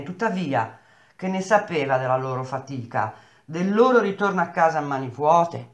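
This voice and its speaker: A man reading a novel aloud in a measured, expressive storytelling manner. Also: medium pitch, roomy sound. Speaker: reader of a novel.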